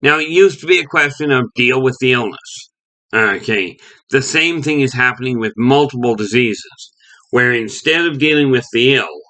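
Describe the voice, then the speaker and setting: A man from Canada talks through his opinions in a loose monologue. His voice is bright and forward, and he keeps stopping to restart a phrase or drop in an "okay". The pitch sits at an ordinary middle height. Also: rough recording. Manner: rambling with frequent restarts and "okay". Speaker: video host.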